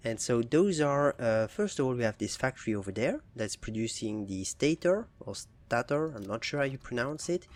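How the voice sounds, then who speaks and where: A young man casually commenting over his own gameplay footage as a gaming channel host, relaxed and hesitant, with many fillers and restarts. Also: mid-range voice, a little fast, few pauses.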